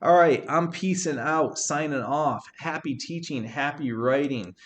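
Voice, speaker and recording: A man's voice: fairly high pitch, measured pace, slight background noise. Upbeat man coaching essay writing. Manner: energetic coaching, many "right?" tags. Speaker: writing teacher. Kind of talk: student-facing writing workshop.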